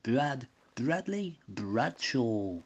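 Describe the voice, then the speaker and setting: Man playing a lively wry news anchor. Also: medium pitch, extremely slow, heavy background noise, heavily acted. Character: smirking male news anchor.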